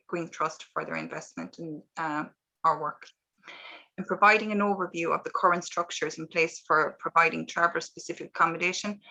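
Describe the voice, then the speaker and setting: Casting: Irish woman MC, formal speech delivery, even intonation with a forceful, bright tone, measured with small stumbles. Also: fairly low pitch, poor audio. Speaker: event MC and community project manager. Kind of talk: formal introductory speech, partly read.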